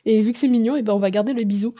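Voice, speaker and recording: A chatty woman talks straight to her viewer in a rambling, self-mocking vlog, full of fillers and restarts. Her voice is mellow and warm. The recording sounds a little dull and lo-fi. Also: fairly high pitch, very fast. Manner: jokey, self-deprecating. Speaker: YouTuber and comic artist. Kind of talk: casual vlog addressed to the viewer.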